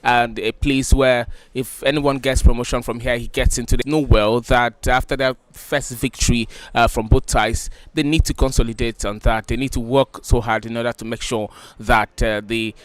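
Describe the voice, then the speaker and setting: A man adds co-commentary before a football match in a mid-range voice. He explains things at length, pausing on fillers as he goes. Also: medium pitch, steady tone, no room sound. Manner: explanatory, with frequent hesitant fillers. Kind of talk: pre-match sports commentary.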